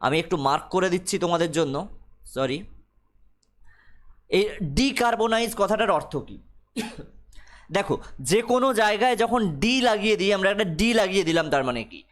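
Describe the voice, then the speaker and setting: A man with a Bengali accent explaining a newspaper to students as a coaching teacher. He reads English text slowly, explains it quickly, and keeps checking "okay?". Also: sits high, lively intonation.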